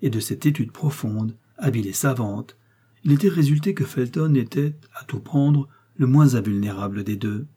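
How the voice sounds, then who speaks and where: A man narrating a classic novel as an audiobook, in a measured, dramatic reading. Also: medium pitch, animated, mellow, husky.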